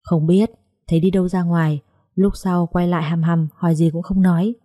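A woman voicing a carefree, slow-witted rich young man in an audiobook story. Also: lowish voice, little pitch movement, warm tone, no echo, studio quality, close to an everyday voice. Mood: lazy. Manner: lazy, carefree.

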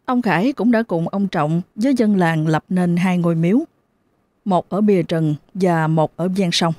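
Low, mellow woman telling a ghost story. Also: moderate pace, dry recording. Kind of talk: horror story narration.

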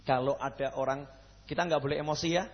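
A man's voice: fairly high pitch, a little fast, slightly rough, long reverb tail, muffled recording. A man with a Javanese accent preaching a sermon, who keeps asking the crowd questions and joking. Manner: questions the crowd, jokey, lively. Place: mosque hall.

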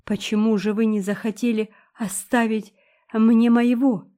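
A woman's voice: fairly high pitch, level tone, unhurried, warm tone, natural voice. A woman voicing a melodramatic, self-pitying young woman who was jilted, speaking in a gushing, tearful, theatrical way. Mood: hysterical.

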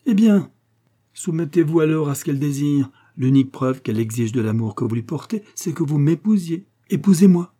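A man's voice: mid-range voice, a little fast, warm tone, pitched above the performer's own voice, natural voice. A man reading aloud who voices a stern, mocking noblewoman, a marshal's widow, who gives cold, curt orders. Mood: commanding.

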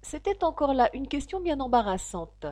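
A woman narrating a classic storybook aloud in a slow, expressive reading. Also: high voice, no room sound. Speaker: audiobook narrator.

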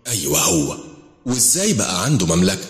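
A man's voice: sits low, very animated, quick pace, roomy sound, in a large hall, faint music behind. A man doing a scheming jinn queen. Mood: urgent. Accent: Egyptian Arabic.

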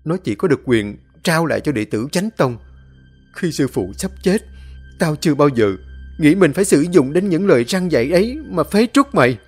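Earnest young male disciple, high and loud, husky; a man voicing him in a story reading. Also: big pitch swings, normal speed, faint music behind, full character voice.

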